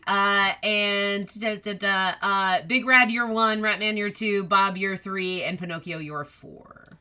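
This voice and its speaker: A woman's voice: medium pitch, slow, bright, forceful tone, clean tone. A woman speaking as game master, casually narrating a tabletop role-playing game and calling for rolls.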